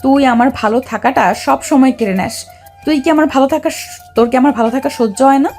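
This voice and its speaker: A woman voicing a bitter, angry young wife and mother who shouts and scolds in an audio drama. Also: high-pitched, fairly quick, faint music behind. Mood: furious. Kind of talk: Bengali audio drama acting.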